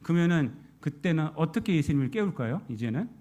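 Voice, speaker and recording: High, animated male pastor preaching. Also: fast. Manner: preaches with rhetorical questions to the congregation; swings between loud emphatic peaks and soft low asides. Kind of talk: Sunday sermon.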